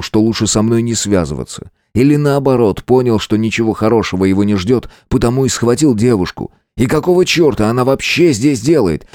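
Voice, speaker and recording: A man narrating a first-person adventure audiobook in a steady, measured way. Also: fairly low pitch, dry recording, studio quality.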